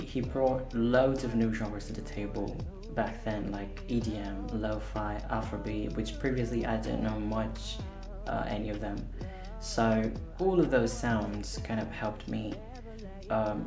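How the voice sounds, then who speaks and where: A man's voice: lowish voice, vocal fry. A man whose first language is Portuguese, a singer-songwriter talking candidly and a little self-deprecatingly to camera in a casual vlog. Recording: roomy echo with music behind.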